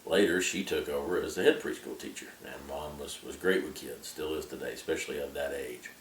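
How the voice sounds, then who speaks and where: A man's voice: very deep voice, fairly even intonation, a little fast. A man casually recalls his childhood, repeating words as he feels his way along. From Appalachian Tennessee, US. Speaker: interviewee sharing memories. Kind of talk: casual oral-history recollection. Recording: echoey room, distant mic, background noise.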